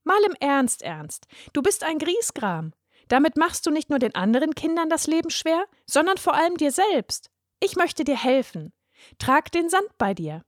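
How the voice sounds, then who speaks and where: A woman's voice: high-pitched, very animated, normal speed, dry recording, studio quality, voice pushed up. A woman voicing a chirpy little girl. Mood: cheerful. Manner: chirpy, teasing, sing-song. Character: cheerful freckled little girl, playful and bright. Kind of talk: storybook reading.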